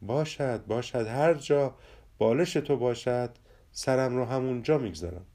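A man voicing a patient, gentle friend in a storybook tale who speaks softly and resignedly. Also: medium pitch, natural voice. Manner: soft, resigned, sighing.

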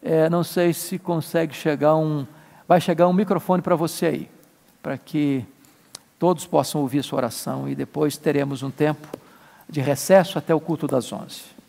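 A male pastor preaching a Bible-study sermon with animated, emphatic bursts. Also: a little high, normal speed, vocal fry, in a large hall. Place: church sanctuary.

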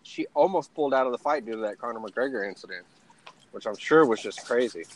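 A young man with a mid-range voice talks fast while hosting a casual podcast about fighting. He's an animated storyteller who swears freely and laughs often.

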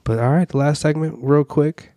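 A man's voice: on the high side, moderate pace, mellow, no echo, studio quality. A young man hosting a casual podcast chat, laid-back and laughing often. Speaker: podcast host.

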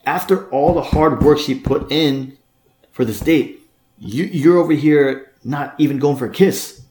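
A man's voice: a little high, a little slow, darkish tone. A man hosting a dating podcast, giving blunt, harsh advice in a scolding monologue full of stammered repeats. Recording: echoey room.

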